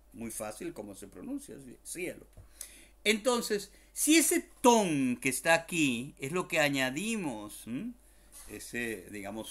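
A man with a medium-pitched, slightly bright voice gives an online language lesson, explaining slowly. He says each word several times, spells it letter by letter, and tosses in small jokes on the side.

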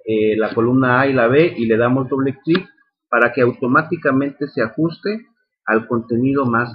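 A man's voice: mid-range voice, husky. A man teaching a screen-recorded spreadsheet tutorial, patient and repetitive, often checking in with his students. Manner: patient, repeats steps, checks in with "ok". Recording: slightly dull recording with faint noise.

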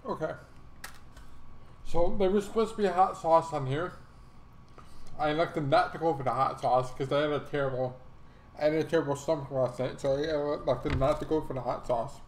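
Male food vlogger, higher voice, unhurried tasting commentary, echoey room. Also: darkish tone, slight background noise. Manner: unhurried, pausing between bites, murmuring while tasting. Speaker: food reviewer. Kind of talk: casual food review vlog.

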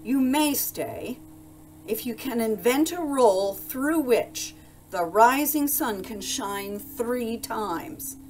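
A woman voicing an angry, commanding male Duke in a children's storybook read-aloud, in a loud roaring manner. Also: on the high side, animated, quick pace, hardly any pauses, pitched above the performer's own voice, close to an everyday voice. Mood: stern, demanding.

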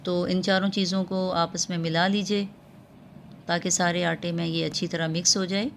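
A woman hosting a home cooking tutorial, explaining each step calmly with frequent pauses and filler sounds. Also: lowish voice, vocal fry, slight background noise. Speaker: cooking channel host.

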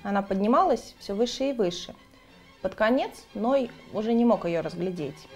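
A woman reading a children's book aloud, in an expressive storytelling manner. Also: medium pitch, normal speed, faint music behind. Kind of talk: storybook narration.

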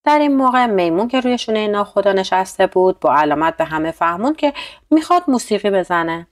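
A woman tells a bedtime story in a calm, steady voice. Her pitch sits in the middle range, and she keeps an even storytelling pace.

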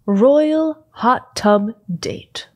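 A woman's voice: sits high, extremely slow, a little hiss or hum. Mocking young woman co-host. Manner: dry, mocking, laughing asides. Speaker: co-host of a commentary channel. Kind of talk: casual comedic commentary.

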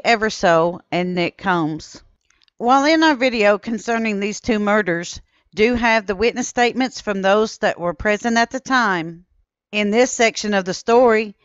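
A woman narrates a documentary script in a steady, measured way, reading old newspaper quotes aloud. Her voice is smooth and clear at a mid pitch. The recording is dry, with a slightly muffled, dull tone. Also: no room sound. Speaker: history channel narrator.

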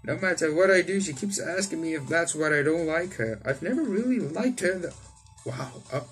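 This young man's fairly high, somewhat bright voice is animated as he reads through a visual novel at a moderate pace for a let's play. Indoors, with game music behind him, he keeps adding theatrical exclamations.

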